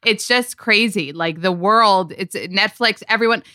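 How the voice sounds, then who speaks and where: Podcast host, woman, bright and smooth tone, dry studio sound, loose filler-heavy gossip talk. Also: mid-range voice, a little slow. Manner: chatty, lots of "like" fillers. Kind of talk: casual celebrity gossip chat.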